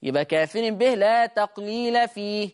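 A teacher with an Egyptian Arabic accent gives a classroom lesson on recitation rules. The teacher asks the class questions, answers them, and chants quoted verse lines slowly. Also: mid-range voice, clear, resonant tone.

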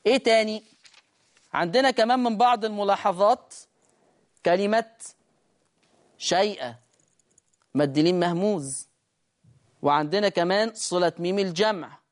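An Egyptian-accented recitation teacher gives a classroom lesson, with a mid-range voice. The teacher keeps asking rhetorical questions, answers them at once, and draws out quoted verse in a slow chant. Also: medium pitch. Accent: Egyptian Arabic.

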